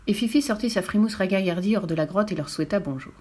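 A woman narrating a children's storybook in a clear, expressive reading voice. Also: medium pitch, fast talker. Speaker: audiobook reader.

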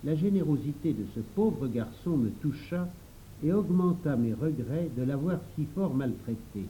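A man reading a storybook aloud as narrator, in an expressive, lively manner. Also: a little high, moderate pace, slight background noise. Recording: dull, lo-fi.

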